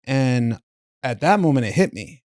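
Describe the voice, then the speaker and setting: Guy, mid-pitched, dry close mic, candid and slangy storyteller for a podcast interview. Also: unhurried, dry recording. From Southern California. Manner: candid, slangy, animated storytelling with frequent swearing. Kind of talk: casual personal storytelling.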